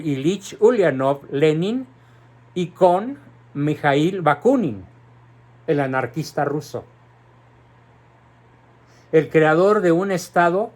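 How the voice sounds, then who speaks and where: A man gives an indignant, emphatic political commentary, speaking deliberately to an audience. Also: high voice. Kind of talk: polemical commentary.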